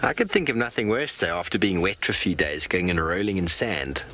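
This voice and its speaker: Bright, low-pitched male nature guide outdoors. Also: sing-song, brisk. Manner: chatty, playful remarks on animals. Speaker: wildlife safari guide host. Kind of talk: live nature commentary. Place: outdoors on safari. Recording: noticeable outdoor background noise.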